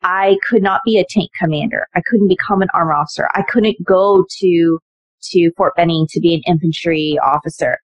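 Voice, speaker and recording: A woman's voice: on the low side, brisk, husky, no echo. A woman in her forties, an Army officer, telling stories as an interview guest and acting out quoted dialogue. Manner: animated, acts out quoted dialogue with lively voices. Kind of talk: conversational interview storytelling.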